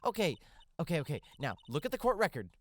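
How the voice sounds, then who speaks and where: A woman voicing an eager young female assistant who is earnest and excitable about science. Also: deep voice, quick pace.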